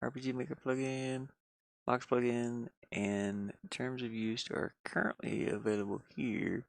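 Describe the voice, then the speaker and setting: Flat in delivery and measured in pace, with vocal fry in his mid-range voice, a man livestreams from the van he calls home. He plays games and dabbles in game development, and here he rambles casually and unscripted, muttering folksy remarks to himself. The recording is dry.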